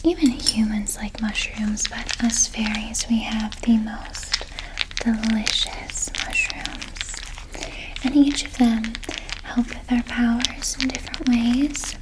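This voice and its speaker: Whispered role-play: woman as nurturing flower fairy, soft breathy whisper, soothing, slow delivery, fairly high. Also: level tone, low-quality recording. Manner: soothing, unhurried. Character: gentle nurturing flower fairy befriending a newcomer.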